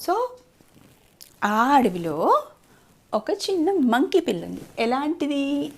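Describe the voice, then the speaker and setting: A woman, a mother, telling a children's story in a playful, sing-song, animated way. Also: high-pitched, slow pace, creaky.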